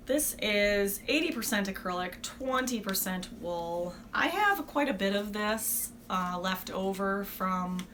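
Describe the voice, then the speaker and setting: A woman with a bright, forward voice chats casually as a craft podcast host. Her delivery is unscripted and rambling, with an informal, self-deprecating manner. There is noticeable background noise in the recording. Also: medium pitch. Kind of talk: casual, unscripted video podcast chat about knitting.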